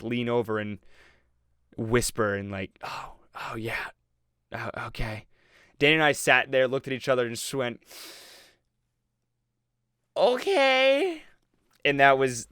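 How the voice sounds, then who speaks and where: A man's voice: mid-range voice, a bit bright, smooth, dry recording, studio quality. A man giving a rambling, sarcastic movie review, acting out the audience's reactions as he goes. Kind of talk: casual commentary.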